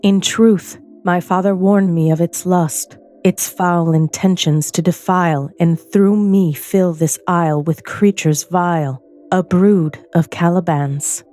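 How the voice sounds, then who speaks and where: A woman narrating a story in verse, in a measured, poetic first-person telling. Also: fairly low pitch, steady tone, warm tone, soft background music.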